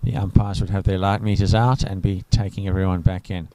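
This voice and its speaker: Deep-voiced cricket commentator. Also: male voice, little pitch movement, brisk, mellow, no room sound, low-quality recording. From South Africa. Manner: chatty, rambling, enthusiastic asides. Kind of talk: live sports commentary.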